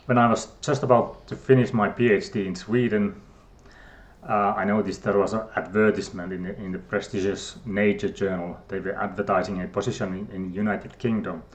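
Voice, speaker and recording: Speaking briskly in a lowish, steady voice, this middle-aged Finnish guest scientist carries a Finnish accent. His casual interview talk is hesitant, packed with fillers and restarts.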